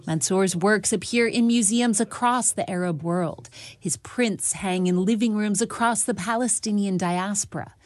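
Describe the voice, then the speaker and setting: Measured woman reporter narrating. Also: mid-range voice, a little mellow. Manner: measured, clear storytelling delivery. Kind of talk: scripted news narration.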